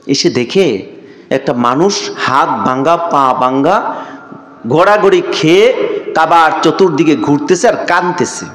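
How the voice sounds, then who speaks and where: High-voiced man preaching a sermon. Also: a little slow, a bit bright. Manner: repeats phrases for emphasis, chants verses. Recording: echoey sermon sound.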